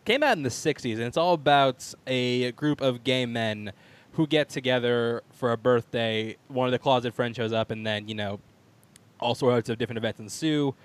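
A man's voice: mid-range voice, normal speed. A man hosting a casual entertainment talk show, introducing and chatting in an informal way. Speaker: podcast host.

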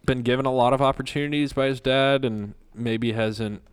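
A man hosts a casual podcast and tells gossip in a loose, easygoing way. His voice is smooth and clear at a mid pitch. He swears freely as he goes. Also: fairly even intonation, normal speed. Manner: laid-back gossipy storytelling with cursing. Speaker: podcast host.

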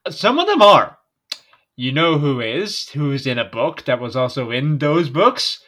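A man's voice: medium pitch, very animated, unhurried, a bit bright. A man co-hosting a podcast in casual chat, joking and swearing with plenty of laughter. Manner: jokey, swears, laughs a lot. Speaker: podcast co-host.

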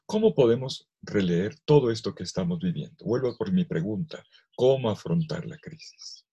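Teaching clergy from scripture, this priest reads aloud expressively, performing the quoted lines as he goes. The male voice is fairly low and breathy-edged, delivered at a moderate pace.

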